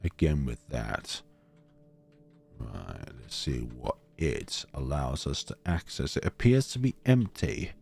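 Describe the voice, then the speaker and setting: A man's voice: a bass voice, animated, takes it slowly, creaky, a little mellow, husky, soft background music. A man streaming a game, mixing commentary with theatrical read-aloud of the text.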